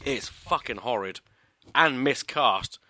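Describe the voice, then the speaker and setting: A man contributing to a film podcast, chatting casually with a sweary, animated and opinionated manner. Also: medium pitch, slow pace, no echo.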